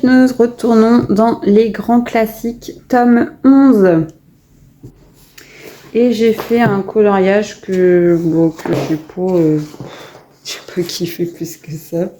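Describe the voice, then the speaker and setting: A woman's voice: mid-range voice, warm tone. A woman casually showing her finished coloring pages in a vlog, chatty and full of hesitations and restarts. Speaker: coloring vlogger. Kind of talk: casual show-and-tell vlog.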